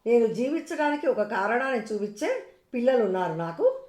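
A woman's voice: on the high side, very animated, normal speed, darkish tone. A woman voicing a distressed young mother of two who anxiously pleads about her troubles. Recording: roomy echo.

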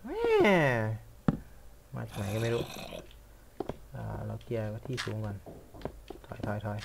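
A man's voice: on the low side, flat delivery, normal speed, gravelly, heavy background noise. A young man chatting casually and rambling while he plays a game, mocking himself and muttering at what happens on screen. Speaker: gaming vlogger. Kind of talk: casual chat while playing.

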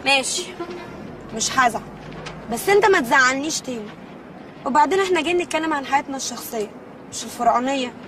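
A woman's voice: high-pitched, expressive, quick pace, pauses often. An actress with an Egyptian accent playing an impatient young woman who nags her fiancé sharply, recorded outdoors near the pyramids. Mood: exasperated. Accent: Egyptian Arabic. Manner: sharp, exasperated nagging. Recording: distant outdoor mic with street noise.

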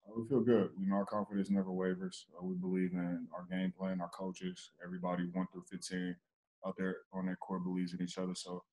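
A young man, a basketball player, answering reporters' questions calmly after a game over a video call. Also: a little fast, rough recording. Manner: low-key, even, steady delivery. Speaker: basketball player at postgame press conference. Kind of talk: postgame interview answers. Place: indoor press backdrop, remote video call.

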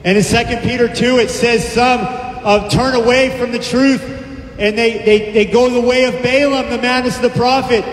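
A middle-aged man preaching a street sermon in a park through a handheld microphone and loudspeaker, declaiming scripture emphatically. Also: very high voice, fairly even intonation, normal speed, slight background noise. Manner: emphatic, declaiming scripture with frequent praise interjections. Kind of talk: open-air street sermon. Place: outdoor park by palm trees. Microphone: handheld microphone through a loudspeaker, far camera. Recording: echoey amplified sound outdoors with hall-like reverb.

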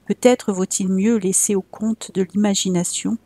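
A woman reading a classic tale aloud as a storyteller, measured and expressive. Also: medium pitch, breathy edge, no room sound.

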